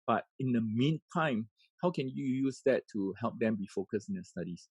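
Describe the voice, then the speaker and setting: A man's voice: medium pitch, animated, moderate pace, husky, no room sound, low-quality recording. A man, an education coach giving an earnest webinar talk. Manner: earnest, with many fillers and restarts.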